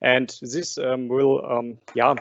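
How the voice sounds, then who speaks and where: A man's voice: medium pitch, flat delivery, slow pace, a bit bright, no room sound. A man answering as an industry panelist on a group video call, hesitant and full of "um, yeah" fillers. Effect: group video call audio. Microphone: computer mic on a video call. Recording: dry, dull call audio.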